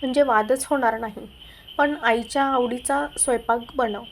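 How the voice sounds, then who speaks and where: A woman voicing a wise older father-in-law giving gentle advice in a story. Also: fairly high pitch, steady tone, normal speed, a little hiss or hum, close to an everyday voice.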